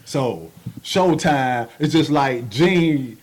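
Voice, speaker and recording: A man co-hosting a radio show, chatting casually and drifting into slow, solemn spiritual talk. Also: mid-range voice, animated, a little mellow. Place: radio studio.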